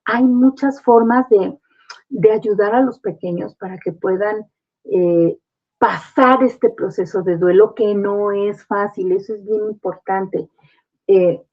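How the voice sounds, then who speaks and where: A woman, a guest on a talk program, explaining grief in an earnest, reassuring way. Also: medium pitch. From Mexico. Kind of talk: conversational advice on a talk program. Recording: muffled lo-fi sound.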